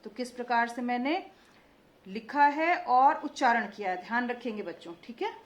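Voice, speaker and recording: Young woman as a kids' Hindi teacher, unhurried and deliberate, stretching long vowels, lightly muffled recording. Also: on the high side, echoey room. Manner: slow, drawn-out pronunciation of each word, stressing vowel length; frequent "ठीक है" check-ins and call-and-response questions. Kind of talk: children's Hindi phonics lesson. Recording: slightly dull lo-fi recording.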